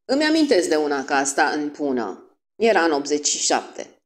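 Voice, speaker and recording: A woman voicing a grumpy old man with a hoarse, trembling voice and a gruff, chuckling manner, in an audiobook. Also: low-pitched, sing-song. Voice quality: hoarse, quavering.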